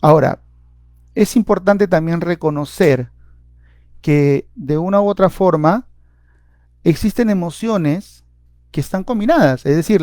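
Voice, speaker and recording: Studio-quality audio with no room sound captures a male clinical psychologist lecturing at a seminar. His fairly high, darkish voice explains things step by step, punctuated by frequent "eh" fillers and repeated words.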